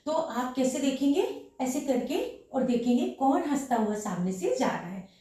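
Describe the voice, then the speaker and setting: A woman with a slightly hoarse voice from a sore throat leads a dance lesson, counting beats aloud as she shows each step. Her voice sits a bit high and reaches the mic from across a very echoey room. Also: animated, moderate pace, warm tone, far from the mic. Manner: counts beats aloud while demonstrating moves. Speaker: dance teacher.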